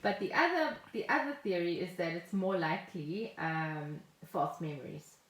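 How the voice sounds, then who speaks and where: This South African podcast co-host, a woman in middle age, chats casually as she explains topics, sometimes glancing at notes. She speaks on the low side at normal speed, expressive and fairly bright, in a room with noticeable home-studio echo.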